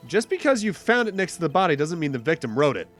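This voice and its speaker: A man's voice: a little high, very animated, fast, soft background music. A man voicing an earnest young defense lawyer, pressing a witness with questions.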